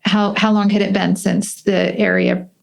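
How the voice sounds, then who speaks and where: A woman's voice: medium pitch, level tone, unhurried, creaky. A woman hosting a podcast, asking attentive, encouraging questions. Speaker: podcast host. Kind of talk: casual interview chat.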